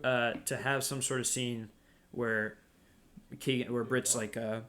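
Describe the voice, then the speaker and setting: A man's voice: medium pitch, little pitch movement, unhurried. A man rambling through a casual director's commentary, full of fillers and restarts. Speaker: video creator giving a director's commentary. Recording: talk over loud video sound with crowd noise.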